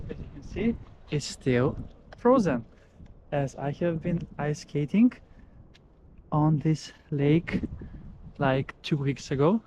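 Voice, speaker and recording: Slow-paced male vlogger outdoors. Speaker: vlogger hosting an outdoor episode. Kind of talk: casual vlog narration to camera. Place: outdoors by a frozen lake. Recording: noisy outdoor ambience with rumble.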